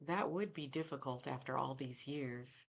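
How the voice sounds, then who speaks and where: A woman's voice: extremely low pitch, normal speed, vocal fry, heavily acted. A woman playing a guarded female detective. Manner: careful and guarded. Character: cautious, measured female private investigator.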